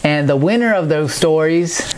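A man's voice: fairly high pitch, expressive, moderate pace, a little hiss or hum. Laid-back young man hosting a podcast. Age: young adult. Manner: loose, profane, laughs a lot. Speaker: podcast host. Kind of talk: casual storytelling.

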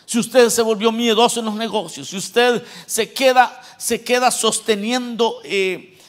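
High-voiced man preaching a sermon. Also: measured pace. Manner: preaching, swinging between loud exhortation and quiet asides. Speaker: pastor.

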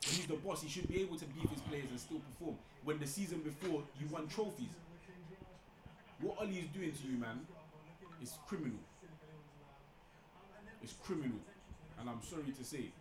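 A man's voice: on the high side, lively intonation, normal speed, long pauses, roomy sound, a crowd in the background, poor audio. A man with an urban London accent giving opinionated, slangy football talk as a podcast panellist. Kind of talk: casual opinionated football debate.

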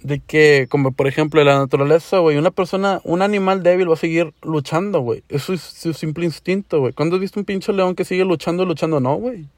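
A man's voice: a little high, fast, hardly any pauses, no echo, studio quality. A young man with a northern Mexican border accent tells stories casually on his podcast in profane slang with Chicano-style English mixed in, acting out the dialogue. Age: young adult. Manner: acts out dialogue. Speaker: podcast host.

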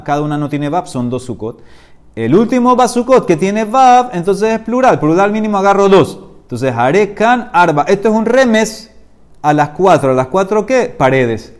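A man's voice: on the high side, darkish tone. A man teaching a Talmud class. He explains each step, asks and answers his own questions, and lifts his voice sharply to stress key points. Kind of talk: lecture-style Talmud class.

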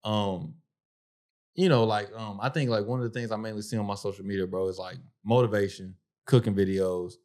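A male podcast co-host with a slightly low voice. He talks casually and colloquially, as if to a close friend, in loose conversational slang. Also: fairly even intonation, a little fast, darkish tone. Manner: colloquial, peppers speech with "bro" and "man". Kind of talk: casual chat.

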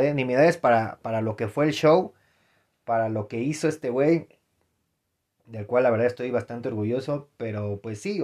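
A man's voice: medium pitch, darkish tone. A young adult man with a Mexican accent talking casually on his podcast, rambling with many fillers, restarts and slang. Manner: rambling, frequent fillers and self-corrections, slangy. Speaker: podcast host. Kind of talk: casual solo podcast commentary.

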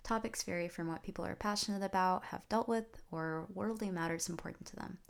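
A woman's voice: on the low side, fairly even intonation, fairly quick, creaky. A young woman hosting a podcast, chatting casually and laughing often with a friend over a video call. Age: young adult. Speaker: podcast host. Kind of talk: casual interview.

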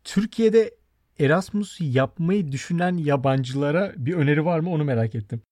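Man in his twenties, from Turkey, slightly high pitch, dry recording, casual podcast host. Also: animated, moderate pace, dark tone, no room sound. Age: 20s. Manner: careful word choice. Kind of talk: casual chat.

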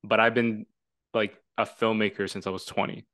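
A man's voice: fairly low pitch, level tone, normal speed, fairly bright tone, no echo, clean studio sound. A man in his twenties from Toronto, hosting a casual podcast conversation in an earnest, reflective, rambling way. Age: 20s. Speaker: podcast host.

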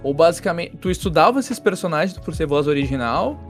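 Um homem apresentador de podcast faz perguntas de entrevista descontraída. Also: male voice, a little high, animated, soft background music. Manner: fast, prompting follow-up questions. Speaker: podcast host. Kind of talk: casual interview questions.

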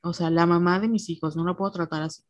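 A woman's voice: lowish voice, fairly even intonation, quick pace, dry recording. A young woman in casual chat, blunt and acting out the people she quotes.

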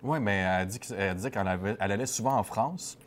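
Man, co-host, short interjections, low voice, fast talker. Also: a little hiss or hum. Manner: brief agreeing interjections. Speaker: podcast co-host. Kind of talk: casual podcast chat.

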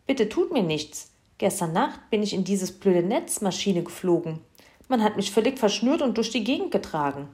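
A woman's voice: mid-range voice, big pitch swings, normal speed, mellow, voice pushed up, lightly acted. A woman voicing a frightened spiny dragon in a children's story, grumbling and pleading.

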